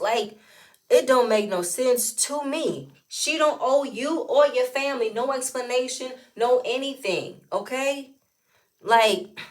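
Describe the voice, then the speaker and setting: A woman runs through a reality TV recap. She sounds blunt and exasperated and keeps firing rhetorical questions. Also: a little high. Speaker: reality TV reviewer. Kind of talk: opinionated recap rant.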